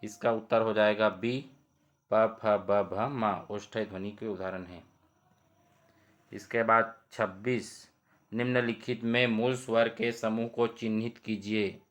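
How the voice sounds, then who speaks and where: A man's voice: fairly low pitch, fairly even intonation, slow pace. A man teaching as he reads quiz questions and options aloud and explains each answer step by step. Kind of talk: exam quiz lesson.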